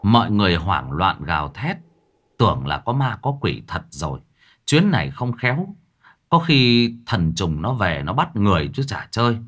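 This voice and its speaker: Expressive male ghost-story narrator. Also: fairly low pitch, normal speed.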